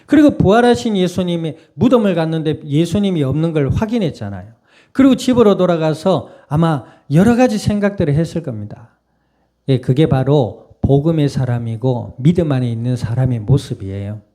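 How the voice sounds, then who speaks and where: A man's voice: fairly high pitch, expressive, brisk, mellow. A male pastor, preaching in a conversational way and often putting questions to the congregation. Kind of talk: sermon.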